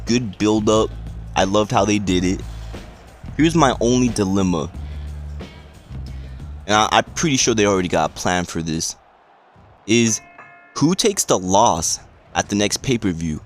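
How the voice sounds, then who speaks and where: Slow-talking man ranting about wrestling. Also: fairly low pitch, soft background music. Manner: rambling, excitable, swears. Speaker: wrestling vlogger. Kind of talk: casual vlog rant.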